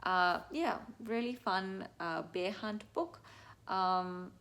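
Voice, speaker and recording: Woman, parent, casual picture book review, lively read-aloud, acts out sound words, whispers at times, middle pitch. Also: slow.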